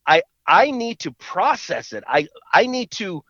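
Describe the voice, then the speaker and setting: A man's voice: high-pitched, sing-song, unhurried, fairly bright tone, no echo. A man co-hosting a podcast over a phone call, chatting casually and often repeating his first words. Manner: stammers and repeats words at starts. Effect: heard over a phone call. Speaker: podcast co-host. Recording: dull, muffled phone line.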